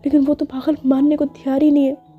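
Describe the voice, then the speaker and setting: A woman puts on a heartbroken young woman, her voice pitched up as she pleads through tears. The delivery is flat and level rather than swooping. Faint music plays behind a slightly dull recording. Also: quick pace, natural voice. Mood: tearful, pleading. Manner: pleading, breaking voice.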